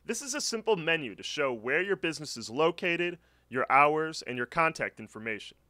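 Here a man narrates a scripted screen-recording guide to website setup, giving clear step-by-step instructions. He sounds high-ish and sharp, with big swings in pitch, at a normal speed.

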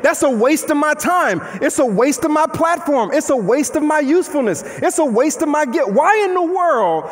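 Reverb lingers in the big hall as a young man with a strikingly high voice preaches from a large church stage at normal speed with few pauses. He paces and gestures, keeping the sermon animated and conversational with plenty of rhetorical questions.

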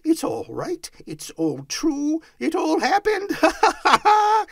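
A man voices an overjoyed, reformed old miser from a storybook, giddy and carefree, whooping with delight in a heavily acted, exclamatory and effusive performance. His voice is on the high side and pitched above his own, with huge pitch swings, moderate pace and a breathy edge, captured in a dry, studio-quality recording.

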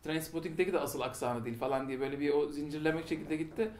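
A man's voice: a little high, fairly even intonation, very fast, darkish tone, a little hiss or hum. A man co-hosting a casual film discussion, rambling and opinionated with jokes. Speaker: podcast co-host. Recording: echoey room.

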